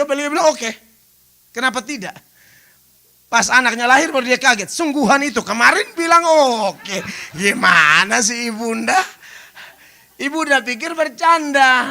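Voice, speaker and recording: High bright animated male pastor. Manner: joking, animated, switching into English phrases, shouting punchlines. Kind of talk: sermon. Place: church stage.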